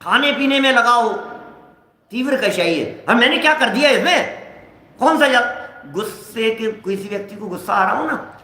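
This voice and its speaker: A man's voice: extremely high pitch, animated, moderate pace, sharp tone, reverberant. A man giving a scripture discourse to a live audience, asking rhetorical questions and acting out everyday examples. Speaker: scripture lecturer.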